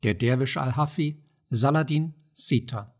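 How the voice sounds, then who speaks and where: Slow, husky male audiobook narrator. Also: mid-range voice, darkish tone. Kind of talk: reading stage directions.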